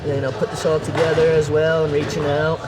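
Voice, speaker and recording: A man's voice: a little high, little pitch movement, brisk, crowd noise, poor audio. A man hosting a casual interview in an easygoing, slangy way. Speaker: host, interviewer. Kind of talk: casual chat. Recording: music playing behind the voice.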